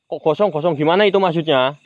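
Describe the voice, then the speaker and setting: Banyumas javanese guy doing a ghost hunt live stream, kinda high voice, dull muffled sound, crickets behind. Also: quick pace, no room sound. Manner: chatty, addresses viewers, teasing sing-song calls to a ghost. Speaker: live-stream mystery vlogger. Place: outdoors at night near a graveyard. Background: crickets and insects.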